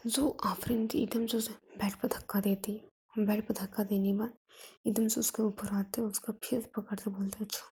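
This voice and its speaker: A woman telling a love story in a soft whisper, narrating each move as whispered storytelling. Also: medium pitch, flat delivery, moderate pace, breathy edge.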